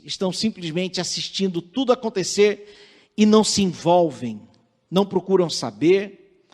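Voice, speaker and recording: A man with a Brazilian Portuguese accent preaching a sermon in a measured, earnest way, reading scripture aloud. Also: sits high. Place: church sanctuary. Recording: church livestream with long hall reverb.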